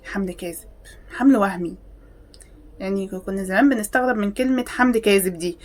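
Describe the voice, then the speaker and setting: A woman with an Egyptian accent, reacting to videos with sarcastic, exasperated questions. She swings between loud outbursts and hushed mutters. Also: medium pitch, fast talker. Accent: Egyptian Arabic.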